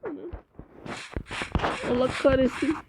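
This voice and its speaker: Panicky high-voiced woman gamer. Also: measured pace, gravelly. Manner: panicky, cursing, frequent frightened shouts. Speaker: gameplay streamer. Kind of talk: gameplay commentary. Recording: loud clicking noise.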